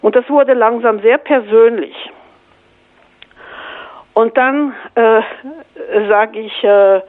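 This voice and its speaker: A woman's voice: on the high side, slow pace. Woman on a tinny phone line. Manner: lively, acts out voices and inner thoughts. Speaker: caller. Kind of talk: phone-in storytelling.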